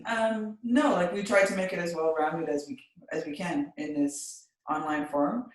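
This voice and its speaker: Co-host, mid pitch, hoarse morning voice, upbeat and enthusiastic; very roomy, echoey call audio. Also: measured pace, a little mellow, far from the mic. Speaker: co-host of the webinar. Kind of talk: casual chat on a video call. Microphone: video call.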